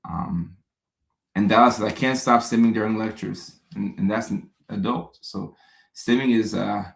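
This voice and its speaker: Relaxed low-voiced man. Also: normal speed, vocal fry, echoey room, low-quality recording. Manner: relaxed, chatty, joking asides. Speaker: livestream host answering viewer questions. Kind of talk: casual live stream Q&A.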